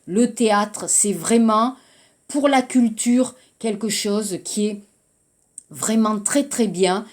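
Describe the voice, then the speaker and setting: Slow patient French teacher, woman. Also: mid-range voice. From France. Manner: slow, patient, repeats phrases and drops in Korean words. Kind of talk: language class explanation.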